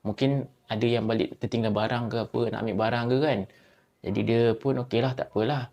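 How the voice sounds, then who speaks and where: A man who tells a horror story in a chatty way. He speaks straight to his listeners and uses dramatic pauses. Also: medium pitch, fairly even intonation, darkish tone. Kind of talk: casual spooky story narration.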